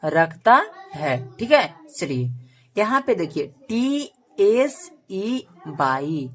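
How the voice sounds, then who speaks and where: A woman's voice: medium pitch, sing-song, very slow, fairly bright tone, slight background noise. A woman teaching English reading as a spoken lesson to camera. She spells each word out letter by letter and asks and answers her own questions. She closes almost every point with an "okay.".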